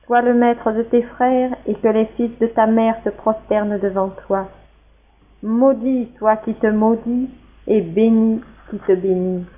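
A woman's voice: fairly high pitch, fairly even intonation, a little slow, natural voice. Woman reading as an old blind father, solemn. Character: Isaac, old blind father blessing his son. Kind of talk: scripture reading. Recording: tinny phone-like sound.

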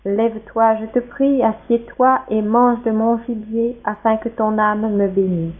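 A woman reading the part of an anxious younger son in a scripture reading, in a hesitant, measured way. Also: a little high, steady tone. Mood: wary. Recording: tinny phone-like sound.

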